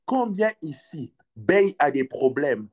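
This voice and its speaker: A man with a high voice preaching a lively sermon. He acts out short exchanges with his flock and breaks into sudden loud cries. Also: unhurried. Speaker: pastor.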